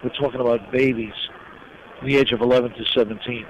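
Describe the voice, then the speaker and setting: An older man from New York telling personal stories as an interview guest, reflective and heartfelt, pausing often. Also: medium pitch, fairly even intonation. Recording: dull lo-fi sound with clear background noise.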